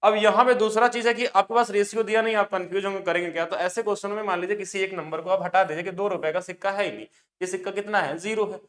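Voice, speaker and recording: A male maths teacher with a fairly high voice runs through an exam problem at a rapid clip. He explains briskly and keeps urging his students to look closely at each step. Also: steady tone, a bit bright. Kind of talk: exam-prep maths lesson.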